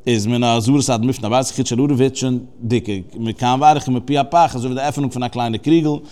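A man's voice: mid-range voice, steady tone, quick pace, mellow, clear, resonant tone. A man teaching a religious text, explaining its Hebrew terms phrase by phrase in a conversational way. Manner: conversational, with restarts and fillers. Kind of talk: text study lesson.

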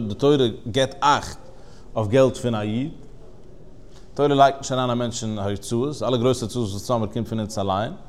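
A man teaching a Talmud lesson in a chanting study singsong, animated and full of restarts. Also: medium pitch. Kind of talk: Yiddish-style Talmud lesson.

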